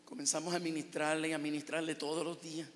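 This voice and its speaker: A middle-aged man, a pastor, giving an earnest testimony with halting, repeated words. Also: fairly high pitch, level tone, slight background noise. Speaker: pastor and businessman. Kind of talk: testimony in a sermon. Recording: long hall reverb.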